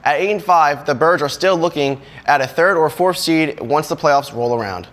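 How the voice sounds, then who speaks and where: A man's voice: on the high side, animated, normal speed, fairly bright tone. Upbeat young sports reporter, man. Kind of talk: scripted sports segment.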